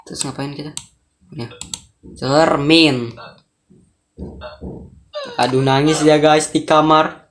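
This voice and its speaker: A woman's voice: sits low, steady tone, slow pace, pauses often. Chatty woman gamer groaning to viewers. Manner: chatty, sighs and groans, addresses viewers as guys. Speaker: gaming host. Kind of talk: casual gameplay commentary.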